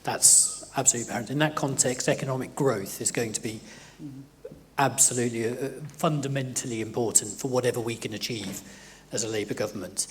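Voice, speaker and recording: A man asking a deliberate, emphatic question from the audience at a conference. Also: medium pitch, slight background noise.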